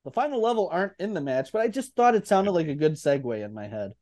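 A man's voice: a little high, very animated, fast, darkish tone. A man hosting a casual podcast chat, teasing and joking with his co-hosts. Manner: jokey, teasing. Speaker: podcast host.

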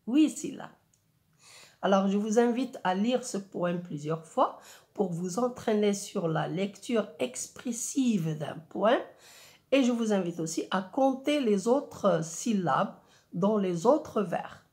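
A woman teaching a slow, patient lesson, often saying "oui" and sounding out words syllable by syllable. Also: mid-range voice, animated, warm tone. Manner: patient, frequent "oui" and "euh", spells out syllables. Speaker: French teacher. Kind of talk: slow classroom explanation.

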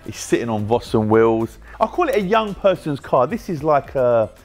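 With big pitch swings and a moderate pace, a mid-range British voice belongs to a man in his thirties hosting a playful walkaround of his car wrap workshop. He chats with staff as he moves through the large, bright indoor space, speaking British English.

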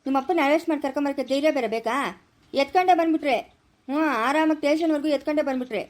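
A woman acts out a fearless young police inspector who fires off taunts fast in a high voice. The lines come quick and emphatic, in a homemade family skit. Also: darkish tone, lightly acted. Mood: taunting. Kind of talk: amateur family skit acting.

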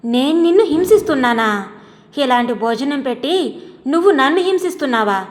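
A woman voicing a harsh, sarcastic young husband who scolds his wife loudly, in a storybook reading. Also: high voice, lively intonation, moderate pace. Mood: angry scolding. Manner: sarcastic, angry, loud. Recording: long reverb.

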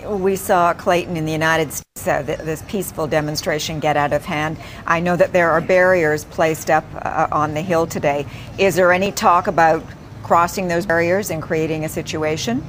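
A woman in her forties, a news anchor, asking questions in a measured, polished studio delivery. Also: low voice, fairly even intonation, a little hiss or hum. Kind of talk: live news interview questions.

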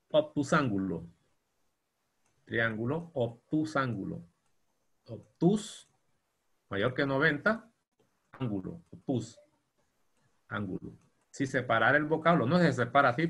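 Husky man dictating a geometry lecture. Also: medium pitch, a bit bright. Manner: dictates slowly, spelling out terms. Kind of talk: university class lecture. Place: classroom.

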